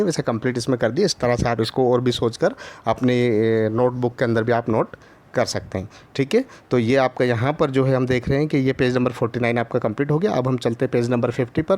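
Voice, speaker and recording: Patient male teacher sounding out syllables. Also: mid-range voice. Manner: patient, repetitive, spells out each syllable; frequent drawn-out filler pauses. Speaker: primary school teacher. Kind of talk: online Hindi lesson for young children.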